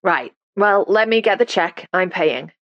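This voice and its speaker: A woman voicing a blunt American man with a gravelly New York accent in an audiobook. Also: lowish voice, lively intonation, measured pace, no echo, highs cut off.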